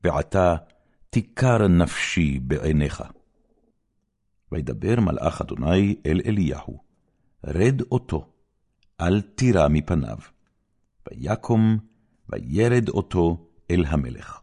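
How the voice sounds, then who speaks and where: This man reads scripture aloud as an audiobook Bible narrator, his low voice dark in tone with a breathy edge. Solemn and measured, he uses big pitch swings that make key phrases sound declamatory.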